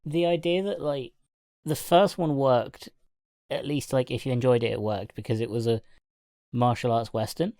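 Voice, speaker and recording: A woman's voice: very deep voice, steady tone, moderate pace, mellow, dry recording, clean studio sound. A woman co-hosting a podcast, reviewing a film in casual, rambling chat and laughing often. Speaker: podcast co-host.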